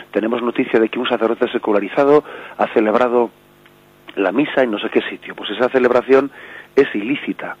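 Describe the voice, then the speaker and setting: A Spanish bishop explaining the catechism on a radio program, with many fillers and rhetorical questions, speaking in a Spanish accent. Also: male voice, medium pitch, breathy edge, highs cut off. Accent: Spanish from Spain.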